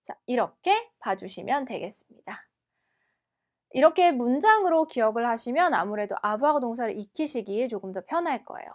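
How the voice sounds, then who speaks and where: Woman teacher, high voice, lively pitch, slow careful repetition. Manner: explains slowly, repeats words carefully. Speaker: French teacher. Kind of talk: language lesson.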